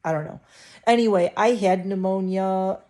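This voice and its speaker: Chatting to camera in her living room, this middle-aged vlogger rambles and interrupts herself in a mid-range, dark-toned voice at moderate speed. She sounds slightly stuffy and her throat is scratchy.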